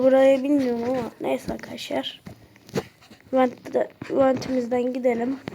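A woman giving casual running commentary on a game she is playing, recorded on a phone, often addressing her viewers and breaking into excited shouts at surprises. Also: high-pitched, background noise. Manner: keeps saying "okay friends" while playing; bursts into excited shouts at discoveries. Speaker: gameplay commentator. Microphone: phone screen recorder.

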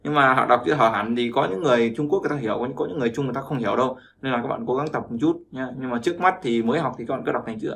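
Male language teacher, mid pitch, repeats himself, keeps checking in with listeners. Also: very fast, gravelly, hardly any pauses, a bit bright. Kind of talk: explaining pronunciation lesson.

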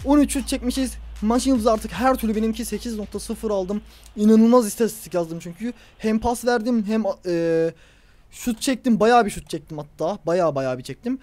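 Excitable young man, football game commentary. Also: sits high, normal speed. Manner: excitable, talks to himself and the players, yells at big moments. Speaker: gaming YouTuber.

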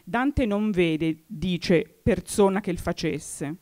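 Measured woman reading a formal text. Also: lowish voice, darkish tone. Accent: Italian. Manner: measured, slows on quoted verses. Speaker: reader of an introduction.

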